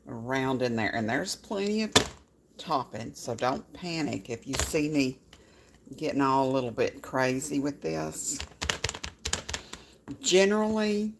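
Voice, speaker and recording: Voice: medium pitch, creaky, noisy background. A home cooking vlogger, chatting folksily and directly to viewers while demonstrating a recipe.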